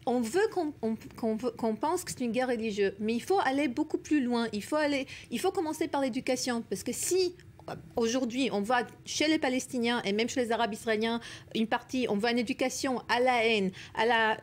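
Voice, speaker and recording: High-pitched woman debate guest in a TV studio, emphatic, trips over her restarts. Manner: emphatic, rapid, with many restarts. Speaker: panel guest. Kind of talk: TV news debate.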